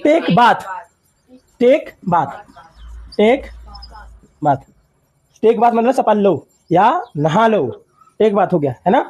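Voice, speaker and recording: A man's voice: sits high, expressive, slow pace, pauses often, a little mellow, rough recording. Man drilling English phrases. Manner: drills phrases word by word, quizzing the class. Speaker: English teacher. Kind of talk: classroom lesson.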